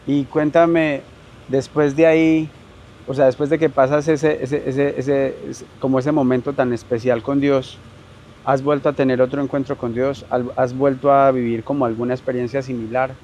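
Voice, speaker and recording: A man hosting a podcast interview, warm and encouraging, asking long, rambling questions. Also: medium pitch, level tone, normal speed, a little hiss or hum. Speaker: podcast host.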